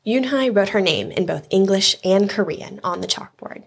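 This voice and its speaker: A woman reads a children's picture book aloud at story time, steady and measured. Her voice is husky and a little breathy, at a middle pitch.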